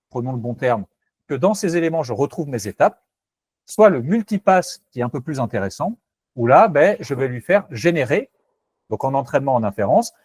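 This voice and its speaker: A man's voice: on the high side, a little mellow, dry recording. A man presenting a technical webinar, hesitant and self-correcting, candid and skeptical in tone.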